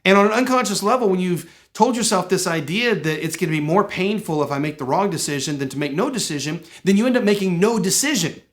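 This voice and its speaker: A man's voice: sits high, lively intonation, quick pace, few pauses, fairly bright tone. A middle-aged man hosting a podcast, giving an earnest, emphatic motivational talk full of rhetorical questions. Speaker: podcast host and personal development coach.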